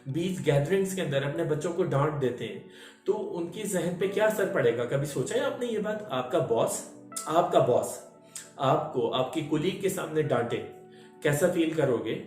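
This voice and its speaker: A man's voice: a little high, lively intonation, moderate pace, a little mellow. A man in his thirties giving an earnest parenting talk, repeating key lines and asking the audience rhetorical questions. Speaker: motivational speaker. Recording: echoey room with faint music.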